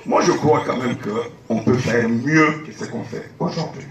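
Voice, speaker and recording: A man stands as a party candidate and argues with firm, mounting emphasis. His voice sits at a middle pitch. It rings through an echoing meeting hall, picked up from some way off. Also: measured pace, slight background noise. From Congo. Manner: emphatic, rising to animated insistence. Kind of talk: political debate. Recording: echoey hall from far off.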